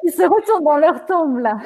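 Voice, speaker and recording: A woman co-hosts a live virtual tour over a video call, dropping in curious questions and quick reactions. Her voice sits fairly high and moves a lot in pitch. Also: expressive, darkish tone. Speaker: co-host asking questions.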